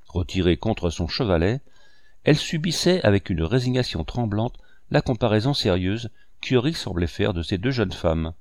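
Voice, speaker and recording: A man narrating a classic French novel in a measured, literary reading style. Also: fairly low pitch, a little mellow, no echo, clean studio sound. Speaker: audiobook reader. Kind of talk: scripted narration.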